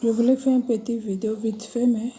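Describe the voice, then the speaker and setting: A woman's voice: on the high side, steady tone, fairly quick, warm tone, a little hiss or hum. A woman with a Portuguese accent hosting a casual live stream from her phone, repeating greetings and correcting her own wording. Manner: repetitive greetings, self-correcting over word choice.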